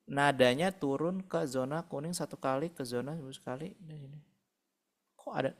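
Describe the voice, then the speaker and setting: A man's voice: mid-range voice, normal speed. A man tutoring a math class over a video call, patiently working through problems aloud. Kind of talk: online math lesson.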